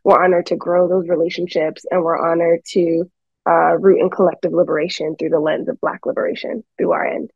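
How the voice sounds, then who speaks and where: A young woman organizer speaking unscripted on a webinar from home, halting with many fillers and restarts. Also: lowish voice, little pitch movement, gravelly, husky, no room sound. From United States. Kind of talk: unscripted panel remarks. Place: home, seated by a staircase. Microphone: phone or laptop on a video call. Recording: dull lo-fi call audio.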